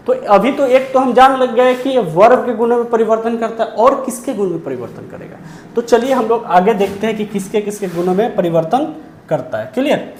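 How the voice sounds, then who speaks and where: A woman teaching a grammar lesson, who poses questions and answers them herself and repeats key terms slowly. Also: fairly high pitch, darkish tone, reverberant.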